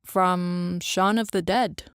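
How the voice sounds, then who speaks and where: A woman's voice: fairly low pitch, steady tone, slow pace, clean tone, dry recording, clean studio sound. Woman putting on a stammering, awkward young male suitor. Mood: sheepish. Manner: nervous stammer, mumbling, hesitant.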